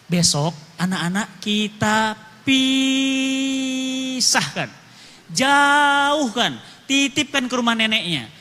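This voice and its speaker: A man voicing a tired young wife who gently and softly coaxes her husband. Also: extremely high pitch, animated, very slow, in a large hall, heavily acted. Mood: coaxing.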